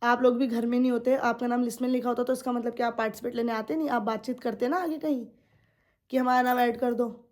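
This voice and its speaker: A woman's voice: fairly high pitch, steady tone, quick pace, a little mellow. A young woman venting to her viewers in a casual monologue. She sounds indignant, repeats herself and speaks to them directly. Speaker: vlogger.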